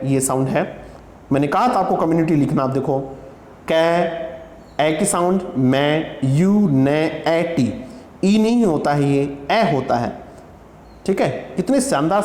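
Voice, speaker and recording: A man's voice: a little high, warm tone, echoey room, big-room sound. A man with an Indian English accent giving an exam prep lecture, drilling word pronunciations by repeating each one several times. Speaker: teacher.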